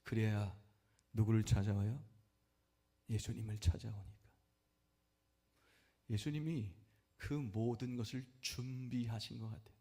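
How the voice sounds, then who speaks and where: Male pastor, sermon, call-and-response questions, builds to loud high exhortation, church sanctuary. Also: measured pace, long pauses. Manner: asks the congregation questions and answers them himself.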